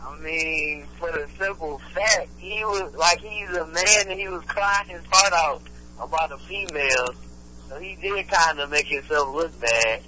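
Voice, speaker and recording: A man's voice: fairly high pitch, a little slow, pushed and bright. A man calling in to a podcast, heard over a speakerphone, laid-back and giving mostly short answers. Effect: phone call heard over speakerphone. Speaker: caller to the podcast. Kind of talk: casual chat. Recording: muffled speakerphone with faint hum.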